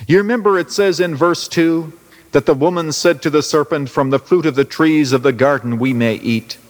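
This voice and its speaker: A male pastor preaching a radio sermon, leaning on dramatic pauses and emphasis. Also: on the high side. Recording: hall reverb.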